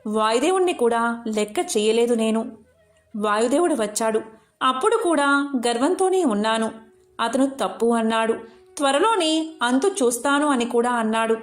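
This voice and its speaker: A woman voicing a proud, boastful giant tree in a devotional story, talking loud and bragging. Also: on the high side, lively intonation, moderate pace, pauses often, roomy sound, close to an everyday voice. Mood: regretful.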